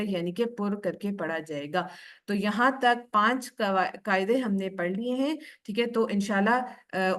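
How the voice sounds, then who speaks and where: A woman teaching Quran recitation in a recorded online lesson. She explains patiently, asks questions and answers them herself, and slows right down to recite each example word carefully. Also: medium pitch. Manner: slows down sharply to recite Arabic words carefully.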